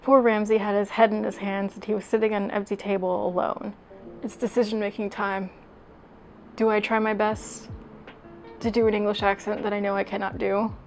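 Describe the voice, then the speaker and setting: A woman's voice: medium pitch, level tone, moderate pace, faint music behind, low-quality recording. A young adult woman doing a comedic reading of fanfiction, self-deprecating, sweary and exasperated as she reads aloud. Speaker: YouTuber.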